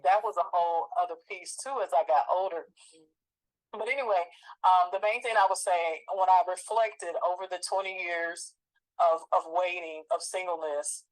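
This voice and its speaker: A woman in her forties talking in a relaxed, reflective way about her own experience, with frequent fillers and restarts. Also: lowish voice, rough recording. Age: 40s. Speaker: co-host. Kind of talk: casual conversation.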